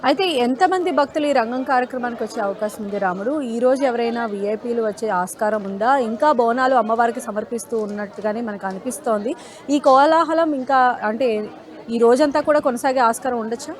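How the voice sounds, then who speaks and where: A woman's voice: fairly high pitch, a little fast, a faint crowd. A woman working as a television news anchor, presenting bulletins and questioning a field reporter.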